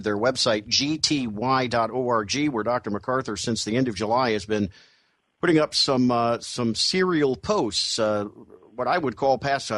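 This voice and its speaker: Male radio host, around fifty, mid-pitched, dry studio sound, probing questions with halting restarts. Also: fairly bright tone, no room sound. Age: 50s. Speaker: radio talk show host. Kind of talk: radio interview.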